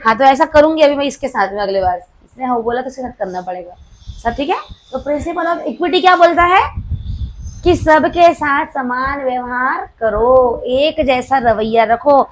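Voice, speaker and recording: A young woman teaches a commerce class in a high, bright voice. She teases and scolds her students in a playful way, then slows down sharply to spell out each key term word by word. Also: a little hiss or hum, rough recording. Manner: slow deliberate dictation of key terms. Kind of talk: classroom lecture.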